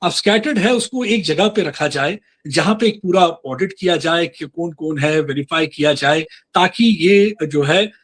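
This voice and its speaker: A man's voice: on the high side, unhurried, few pauses. A man speaking as a guest in a political interview, earnest and insistent, switching between Hindi and English with frequent fillers.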